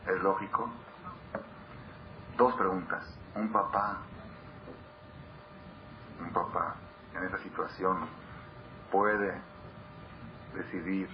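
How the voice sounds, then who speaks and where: A man teaching a Torah class, emphatic, repeating words for stress and putting questions to his listeners. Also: deep voice. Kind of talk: Torah class to a live audience. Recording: dull lo-fi recording with clear background noise.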